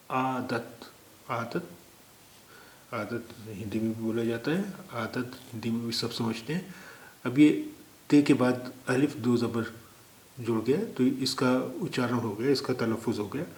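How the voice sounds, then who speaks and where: A male language teacher who explains vocabulary in a slow lesson style and says each word several times over. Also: mid-range voice, reverberant. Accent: Indian Hindustani. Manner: repeats each word slowly for the learner.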